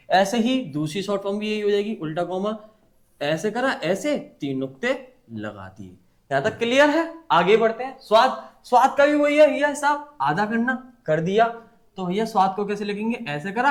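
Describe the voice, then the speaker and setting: A young man teaching a writing lesson at a board, patiently asking and answering his own questions. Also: high-pitched. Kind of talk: whiteboard lesson.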